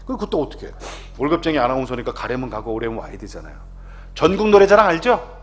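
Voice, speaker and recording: A man in his fifties, an announcer, giving a lively testimony to a congregation and often asking the audience questions. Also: mid-range voice, quick pace.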